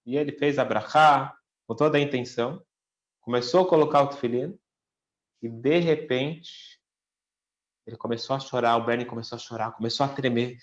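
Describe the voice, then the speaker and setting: A man's voice: medium pitch, moderate pace, dull audio. Man telling a story in an echoey room. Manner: acts out the quoted lines with a lifted voice. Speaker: rabbi. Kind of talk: storytelling talk.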